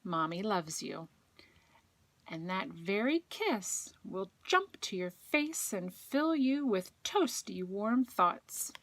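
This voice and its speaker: A woman voicing a tender mother raccoon in a storybook read to a toddler, gently soothing and reassuring. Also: mid-range voice, sing-song, slow, dry recording, full character voice. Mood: tender, teasing.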